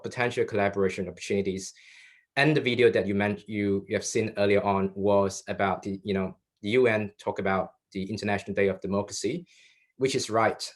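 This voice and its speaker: A young man, co-moderating a webinar in a loose, conversational way with frequent ums and restarts, on a video-call mic. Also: fairly low pitch. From Malaysia. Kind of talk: live webinar hosting.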